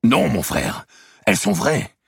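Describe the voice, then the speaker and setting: Man voicing a stubborn medieval lord for a storybook reading, raised loud husky voice, gravelly edge. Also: big pitch swings, a little slow, dry recording, studio quality, exaggerated voice. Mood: defiant. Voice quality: creaky husky low voice, raised and forceful. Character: stubborn proud medieval nobleman, defiant and loud.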